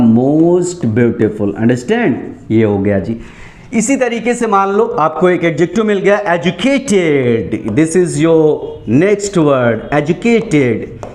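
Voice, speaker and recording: A man teaching English grammar, asking questions and answering them, slowing down low on each example word. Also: a little mellow. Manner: repeats questions and answers, slows and drops low on example words. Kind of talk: classroom grammar lesson. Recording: echoey room.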